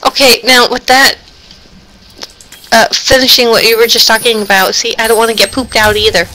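A woman's voice: fairly high pitch, level tone, normal speed, pushed and bright, slight background noise, rough recording. A woman co-hosting a casual gaming stream, chatty and playfully squeamish. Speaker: stream co-host.

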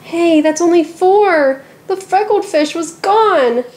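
A spirited seven-year-old girl bursts through a storybook, as a woman reads her part in a bright, high, excitable voice. She exclaims and frets over every small mystery. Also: slow. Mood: alarmed. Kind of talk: storybook reading.

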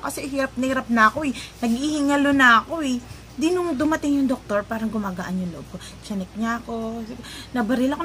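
A woman vlogger telling a personal story in a casual, animated way, often laughing and joking along the way. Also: on the high side. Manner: animated, laughs at her own story, jokes. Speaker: vlogger recounting a personal ordeal. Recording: noisy ambience behind voice.

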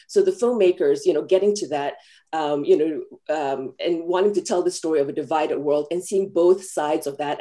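A woman's voice: sits low, dark tone. A woman from Malaysia, a film screenwriter, answering press questions over a video call in an earnest, thoughtful way with many fillers. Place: home room, video call.

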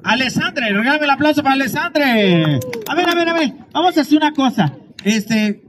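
A man's voice: extremely high pitch, sing-song, moderate pace, crowd noise. A Mexican man hosting a children's contest as a street comedian, teasing with mock-dramatic outbursts on a handheld mic. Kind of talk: comic crowd banter with a mic.

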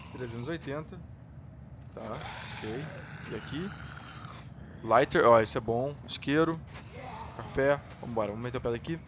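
A Brazilian man hosting a gaming channel, commenting on gameplay in casual, excitable chat and swearing freely at the viewers. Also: medium pitch, a little hiss or hum. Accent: Brazilian Portuguese.

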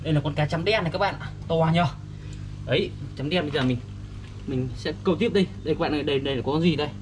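High-voiced northern Vietnamese man, toddler-style talk. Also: rapid-fire, noisy background. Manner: simple, repetitive talk as if to a toddler. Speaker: vlogger for young children. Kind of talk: casual child-directed show-and-tell. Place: outdoors beside a garden fish pond.

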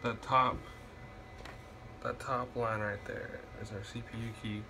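A man's voice: medium pitch, level tone, a little slow, pushed and bright, a little hiss or hum. A man casually walking viewers through a how-to while recording himself on a phone, rambling with lots of ums and uhs. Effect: recorded on a handheld phone camera. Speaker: tutorial maker. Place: dark room at home with the console. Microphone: phone held while filming.

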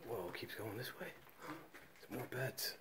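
Whispering and often exclaiming in awe, an urban explorer films and narrates a hushed walkthrough of derelict school buildings indoors. He speaks in a mid-range voice at normal speed. The recording is very noisy.

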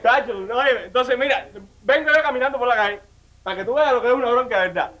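A man's voice: very high voice, fast, sharp tone. A man with a Cuban Spanish accent acting in a comedy sketch, playing a boastful male street tough who brags in a swaggering way. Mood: storytelling. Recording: slightly dull recording with faint noise.

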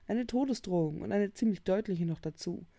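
A woman's voice: mid-range voice, brisk, creaky, mellow. A woman voicing a worried teenage boy who talks urgently and insistently in a storybook reading.

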